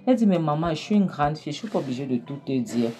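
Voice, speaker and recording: A woman's voice: low voice, lively intonation, fast talker, warm tone. A woman voicing an upset young daughter pleading her innocence to her mother. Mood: insistent. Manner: pleading, emphatic denials.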